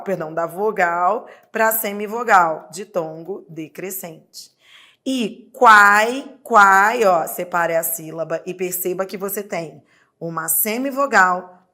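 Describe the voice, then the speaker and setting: A woman's voice: mid-range voice, fairly bright tone. A woman teacher with a Brazilian accent giving an exam prep lesson, sounding out words syllable by syllable. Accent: Brazilian Portuguese.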